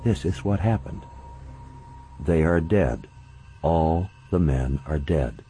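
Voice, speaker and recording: A man's voice: a bass voice, lively intonation, slow, dark tone, breathy edge, poor audio. A man reading a first-person story aloud as an intense, dramatic narration.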